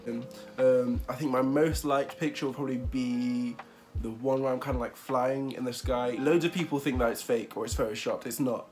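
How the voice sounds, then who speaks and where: A man's voice: medium pitch, fairly even intonation, moderate pace, darkish tone, soft background music. A man of twenty-one chatting casually in a vlog interview, rambling with fillers and frequent laughs. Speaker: vlogger.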